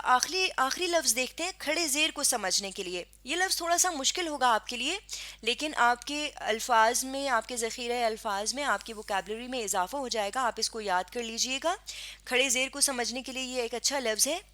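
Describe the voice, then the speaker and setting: Pakistani urdu teacher lady, bright voice kinda high, slow careful spelling out. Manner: patient, spells out sounds slowly and repeats words. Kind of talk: classroom lesson explaining pronunciation.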